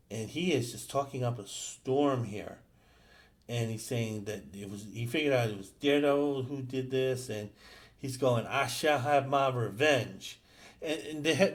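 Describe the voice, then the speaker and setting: A middle-aged man recapping a comic book in a casual, halting way, full of fillers and restarts. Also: medium pitch.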